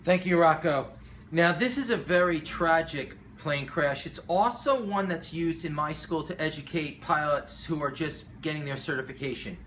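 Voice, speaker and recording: A man's voice: fairly high pitch, normal speed, a bit bright. A man giving explanatory commentary in an emphatic, earnest, cautionary way, like an instructor. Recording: clear background noise.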